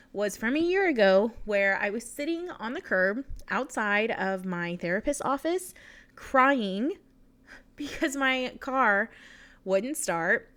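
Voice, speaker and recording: A woman's voice: mid-range voice, fairly bright tone. A young woman chatting casually over a voice-over, rambling and laughing often, her nose stuffed up from crying. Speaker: Sims builder vlogger.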